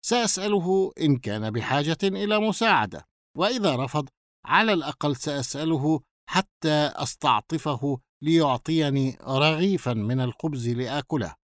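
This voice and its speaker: A man's voice: on the high side, lively intonation, moderate pace, dry recording, studio quality, lightly acted. A man voicing a hungry runaway teenage boy in an audiobook, speaking timidly and pleadingly with a Palestinian Arabic accent. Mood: hopeful. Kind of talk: audiobook character dialogue.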